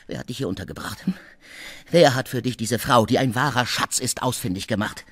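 An actor playing a coarse, bullying middle-aged swindler in a radio play, husky and blustering. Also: male voice, mid-range voice, brisk, fairly bright tone. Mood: scornful.

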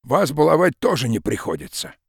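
A man voicing a gruff, sullen forester who speaks in curt commands, read as an audiobook. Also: mid-range voice, sing-song, fairly quick, dry recording, studio quality, full character voice. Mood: stern. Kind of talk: audiobook reading.

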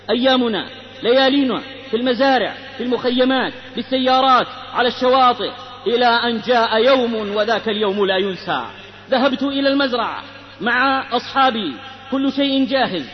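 High-voiced impassioned preacher. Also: male voice, a little hiss or hum. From Hijaz, Saudi Arabia. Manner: impassioned, pleading, rhythmic rhymed delivery. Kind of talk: fervent sermon with storytelling. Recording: reverberant, dull old lecture recording.

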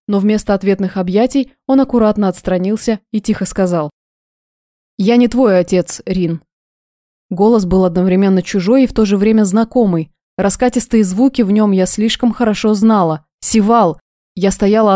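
Woman, audiobook narration, warm mellow voice, dry close sound, steady, expressive. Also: mid-range voice, no echo. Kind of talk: first-person audiobook narration.

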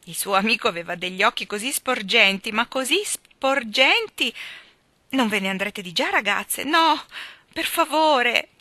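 A woman's voice: mid-range voice, animated, normal speed, sharp tone, dry recording. A woman voicing a flighty, vain eighteen-year-old rich girl in an audiobook, gushing and theatrical. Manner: theatrical, gushing, swooping emphasis. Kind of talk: audiobook character reading.

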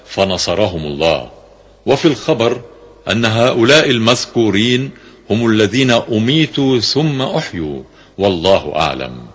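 A man reading a classical scripture commentary in a formal, measured way, slowing down for quoted verses, on a radio broadcast recording. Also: fairly low pitch, breathy edge. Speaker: reader of Quran commentary.

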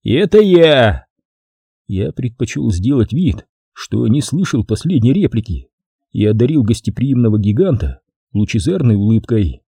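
A man narrating a detective novel in an expressive reading voice. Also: mid-range voice, moderate pace, gravelly, breathy edge, no room sound. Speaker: audiobook narrator. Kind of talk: scripted narration.

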